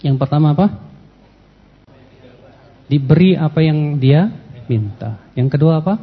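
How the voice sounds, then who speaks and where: A man gives a relaxed sermon and keeps turning to his listeners. His voice sits high and husky, and he plays out prayers and little dialogues in other voices. The sound is muffled and trails off in the long reverb of a large hall. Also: a little slow. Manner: addresses listeners as "Pak", acts out prayers and dialogues. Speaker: preacher. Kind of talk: casual Islamic sermon.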